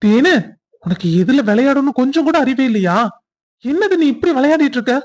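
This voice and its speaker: A performer voicing a young husband in a cartoon story, earnest and quick to scold. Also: sits high, sing-song, a little mellow, dull audio. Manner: stern then tender, scolding. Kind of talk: cartoon voice acting.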